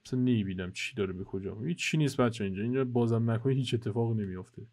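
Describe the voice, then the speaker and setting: مرد جوان شوخ در حال گزارش بازی. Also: male voice, mid-range voice, a little mellow. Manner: joking, teasing, chatty guide to viewers. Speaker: gaming channel host. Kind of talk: casual co-op gameplay commentary. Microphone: headset.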